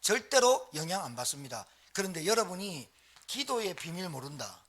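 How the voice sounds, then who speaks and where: High, lively, husky male preacher. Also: moderate pace. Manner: exhorting, repetitive, calls for congregation response. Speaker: pastor. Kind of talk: sermon. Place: church sanctuary, live service.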